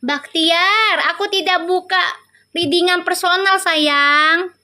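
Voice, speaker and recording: A high-pitched woman hosting a relaxed tarot livestream, speaking. She chats warmly and teasingly with her viewers and laughs easily as she talks them through their questions. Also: slow pace. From Indonesia. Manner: chatty, teasing, affectionate, laughs often. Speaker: tarot reader. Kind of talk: casual livestream chat with viewers.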